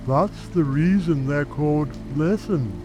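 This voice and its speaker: A man's voice: a little high, measured pace, natural voice. A man playing a brusque, impatient mythical beast in a dramatic audiobook, speaking in a decided, exclamatory way. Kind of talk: full-cast dramatic audiobook reading. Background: rain ambience and music.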